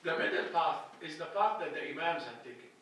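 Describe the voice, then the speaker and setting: Standing at a lectern with a handheld mic before a projected slide, a middle-aged man from Egypt gives a classroom lecture, earnest and thinking aloud with frequent restarts. A distant camera captures the echoey hall from far away. He speaks fast and expressively in a voice that is on the high side and a bit bright.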